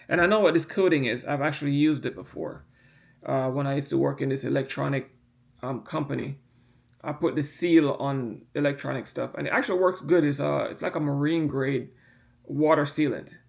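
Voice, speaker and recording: Slightly high and creaky, a man's voice rambles through a casual explanation of a printer part he's handling. The hobbyist repeats himself and underlines key points in this hands-on repair demo, yawning now and then from medication.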